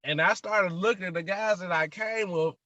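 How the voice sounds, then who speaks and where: A man telling his life story as an interview guest, animated and laughing, checking in often with his listener. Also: high voice, moderate pace, dry recording, lo-fi sound. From Southern United States. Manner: animated, laughing storyteller with frequent "you hear me". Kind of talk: casual storytelling.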